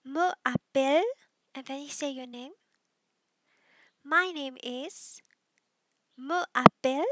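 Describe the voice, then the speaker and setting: A woman with a Mauritian accent teaching vocabulary as a scripted drill, saying each word deliberately and repeating it. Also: high voice, a bit bright, no room sound. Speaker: language teacher.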